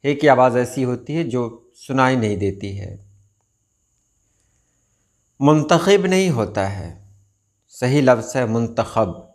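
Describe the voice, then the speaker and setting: A man from India teaches a pronunciation lesson at an unhurried pace. He sets each word against its correction and repeats it with care. His voice sits at an ordinary middle pitch. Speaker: Urdu teacher.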